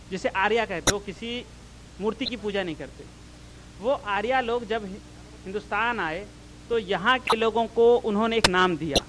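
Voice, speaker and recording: High-voiced man giving a public talk. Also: pushed and bright, slight background noise, rough recording. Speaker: speaker answering audience questions.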